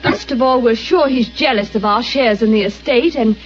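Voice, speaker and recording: A woman's voice: a little high, normal speed, over music, close to an everyday voice. An actress playing a spirited young woman who speaks frankly and directly, on an old radio recording. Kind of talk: vintage radio acting. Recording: dull old radio recording, faint hiss.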